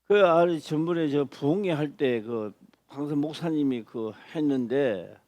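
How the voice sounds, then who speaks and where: A man's voice: fairly high pitch, lively intonation, unhurried, dry recording. Emphatic male pastor preaching. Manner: emphatic, repetitive, bursts of loud stress. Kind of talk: sermon. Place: church.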